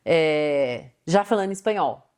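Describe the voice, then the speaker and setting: A woman's voice: sits low, expressive, a little slow, a little mellow, smooth. A woman who runs a cleaning business, talking in a casual chat, mostly agreeing in short words, then giving frank opinions. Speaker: guest, cleaning business owner.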